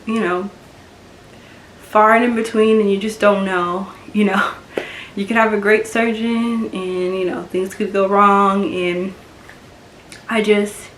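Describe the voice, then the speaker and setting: A woman telling a personal story-time vlog, halting and full of fillers, sometimes getting emotional. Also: medium pitch, level tone. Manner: halting, lots of fillers and restarts, emotional at times. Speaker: beauty vlogger. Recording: echoey room with faint background noise.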